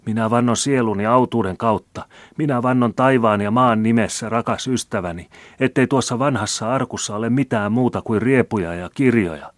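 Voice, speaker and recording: Voicing a greedy old male miser, a man with a deep voice pushes his pitch upward and acts lightly as he reads aloud, with no room sound in the recording. The miser pleads and whines self-pityingly, in a mood of frightened denial.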